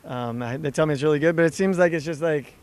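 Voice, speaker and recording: A man's voice: fairly high pitch, fast, darkish tone, clean tone. A man from Los Angeles, a soccer player, chatting casually and laughing often in an outdoor interview. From Los Angeles, California. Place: outdoors by a river.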